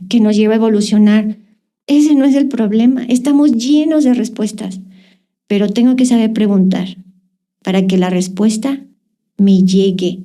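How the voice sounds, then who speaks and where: A woman guest, a spiritual teacher, explaining calmly in flowing, list-like affirmations. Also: fairly high pitch.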